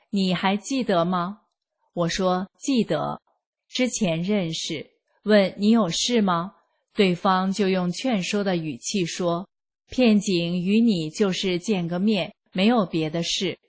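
A woman reads a first-person account at an unhurried pace, her delivery calm and even. Her voice is soft and slightly breathy, with measured pauses between phrases. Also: mid-range voice. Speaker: reader. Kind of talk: scripted first-person narration.

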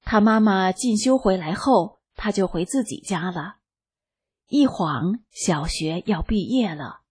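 A woman reading a first-person testimony aloud as scripted narration, in a slow, calm and even manner. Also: medium pitch, breathy edge. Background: faint background music.

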